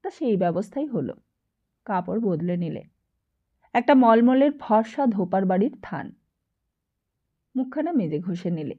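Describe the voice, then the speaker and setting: A woman narrating a novel as an audiobook, reading in a steady, even manner. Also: medium pitch, measured pace, pauses often, phone-quality sound. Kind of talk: storybook narration.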